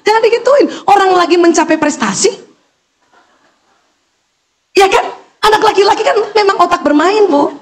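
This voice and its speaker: A middle-aged woman doctor giving a lively parenting lecture, acting out calls and talking straight to the mothers listening. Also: extremely high pitch, moderate pace, long pauses. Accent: Indonesian. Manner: animated, acts out calls and quotes, talks directly to mothers in the audience.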